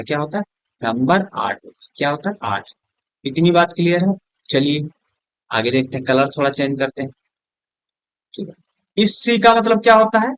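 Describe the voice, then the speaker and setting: A man with Hindi-accented English, teaching a lesson at a board, asking questions and answering them himself, softer and lower on each answer word. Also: no room sound. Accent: Hindi-accented English words. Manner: drops low and soft on the answer words; keeps checking with "is that clear?".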